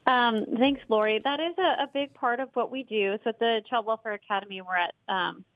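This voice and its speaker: A woman answering interview questions off the cuff as an expert guest, often pausing mid-phrase. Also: on the high side, narrow, tinny audio. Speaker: interview guest, child welfare training director.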